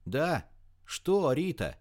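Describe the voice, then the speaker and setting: A woman's voice: low-pitched, very animated, drawn-out words, darkish tone, voice pushed up, heavily acted. A man voicing a desperate, defiant teenage girl who wails at her parents. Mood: wailing. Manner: wailing, pleading and defiant.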